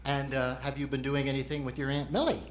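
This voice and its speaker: A man's voice: medium pitch, little pitch movement, fast, a little hiss or hum. A man performing as a ventriloquist's straight man, asking patient, explanatory questions in a conversational stage routine.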